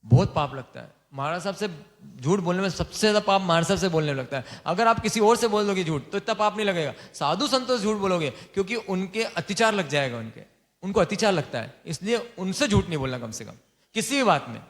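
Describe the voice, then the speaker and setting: High-voiced man giving a quizzing sermon. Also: animated. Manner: quizzes the listeners with quick repeated questions; informal and teasing. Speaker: Jain monk teaching lay vows. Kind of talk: sermon to a lay audience.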